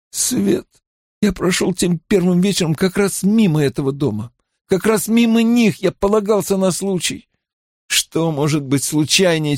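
Man doing a pushy eager young man, urgent, raised voice, animated, dry close audiobook. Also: on the high side, dry recording, voice pushed up. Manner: urgent, pressing. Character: eager, insistent young man searching for friends. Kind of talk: audiobook character voice.

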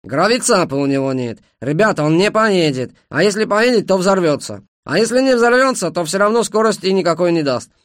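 Male narrator doing a touchy grumbler of an engineer, slightly high, dry. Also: expressive, moderate pace, no echo, close to an everyday voice. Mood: grumbling. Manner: indignant, grumbling. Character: grumpy hot-tempered male engineer turned trader.

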